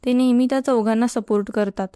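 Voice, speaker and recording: Woman storyteller, mellow, higher-pitched, steady storybook reading. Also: a little fast, smooth, no echo, studio quality. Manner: steady storybook reading, voicing every character. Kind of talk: scripted story narration.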